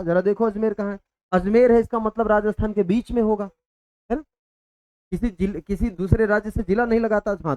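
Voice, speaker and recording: A man's voice: high-pitched, darkish tone. A man teaching a live online exam-prep class in a casual, repetitive way, calling students "beta" and "bhai" and answering viewers' chat messages.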